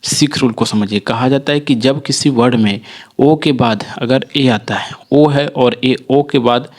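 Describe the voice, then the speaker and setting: A man with an Indian accent teaches English pronunciation at a steady, mid-range pitch. He poses his own questions, answers them, and draws each example word out slowly. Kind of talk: classroom-style video lesson.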